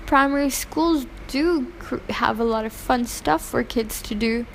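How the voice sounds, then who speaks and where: Answering casual interview questions, this woman from Pakistan who was raised in Hong Kong sounds earnest and opinionated, often restarting and filling pauses. Her slightly high voice is unhurried and has some vocal fry. A faint background hiss runs through the rough recording.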